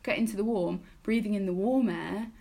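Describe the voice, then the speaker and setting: Young woman, mid-pitched voice, chatty, explaining her shower thoughts. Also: a little fast, vocal fry, warm tone. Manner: chatty, explains ideas at length. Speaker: podcast co-host. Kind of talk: casual chat.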